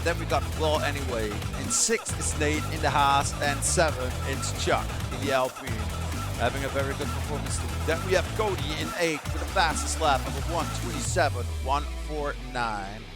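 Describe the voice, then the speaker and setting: A man's voice: a little high, moderate pace. A man commentating on online racing and calling results like an arena announcer, repeating short phrases for emphasis. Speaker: esports racing league commentator and host. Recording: music behind the voice. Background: music.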